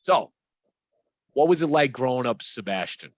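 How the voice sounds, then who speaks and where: A man's voice: medium pitch, animated, normal speed, no room sound. A man hosting a podcast, giving a casual news rundown with a loose, filler-heavy delivery. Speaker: podcast host.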